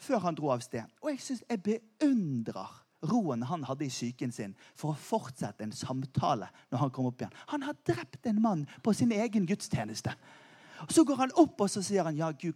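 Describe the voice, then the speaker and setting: A man's voice: fairly high pitch, slightly rough. A middle-aged man preaching a sermon, telling a family story with humor and surging intensity before turning to earnest appeals. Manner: animated storytelling with humor, voice surging when excited. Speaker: pastor.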